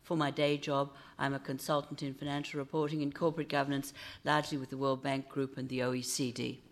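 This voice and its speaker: A woman giving a formal, measured self-introduction at a round-table meeting. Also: rumbling low, level tone. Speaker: meeting participant.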